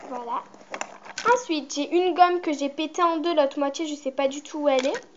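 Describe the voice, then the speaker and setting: A chatty teenage girl talking through a casual vlog in a high voice. She rambles and fills her pauses with hesitations. The recording is muffled and lo-fi, with faint hiss and clicks behind her. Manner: chatty, rambling, with many fillers. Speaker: vlogger. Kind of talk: casual show-and-tell vlog.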